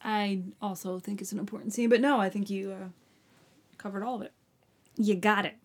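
A woman's voice: mid-range voice, steady tone. A woman co-hosting a podcast in casual chat, agreeing readily and tossing out questions. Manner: chatty, agreeable, quick back-and-forth. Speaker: podcast co-host.

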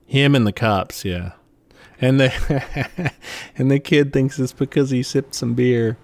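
A man's voice: mid-range voice, takes it slowly, darkish tone, no room sound. A man with a Southern US accent co-hosting a podcast, laid-back and joking, often trailing off mid-sentence. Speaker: podcast co-host. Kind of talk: casual chat.

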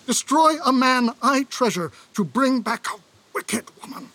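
An actor playing a remorseful royal brother in an earnest, pleading stage delivery for an audio drama. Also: male voice, extremely high pitch, lively intonation, measured pace, bright, forceful tone, heavily acted.

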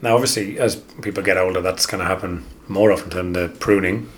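A man's voice: deep voice, steady tone, a little fast, slight background noise. An Australian man co-hosting a podcast, chatting casually and rambling, often repeating words as he thinks. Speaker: podcast co-host. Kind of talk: casual chat.

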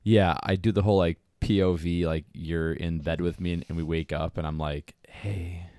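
A man co-hosting a casual podcast, trading jokes with deadpan banter. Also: low-pitched, fairly quick, clear, resonant tone, dry recording, clean studio sound. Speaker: podcast co-host.

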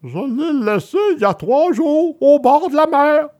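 A woman voicing a big, kindly male pigeon in a storybook reading, calm and reassuring. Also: high-pitched, measured pace, pitched above the performer's own voice.

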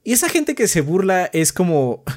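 A man with a Mexican accent co-hosting a casual podcast chat, animated and swearing freely. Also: sits high, moderate pace. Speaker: podcast co-host.

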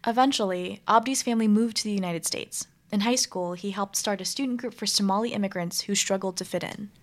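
A woman narrating a student news report in a clear, measured scripted delivery. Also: mid-range voice.

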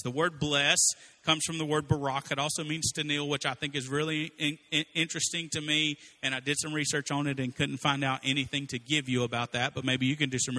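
A man's voice: medium pitch, bright, forceful tone. A man preaching a sermon, telling a story in a conversational way with frequent asides to the congregation. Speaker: pastor.

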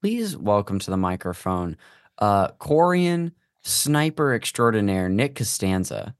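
A man with a slightly low voice hosts a casual podcast. He rambles playfully and builds things up with comic exaggeration. The recording is dry and close. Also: big pitch swings, a little slow, dry recording. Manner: rambling, playfully hyperbolic introductions. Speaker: podcast host. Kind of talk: casual hosting banter.

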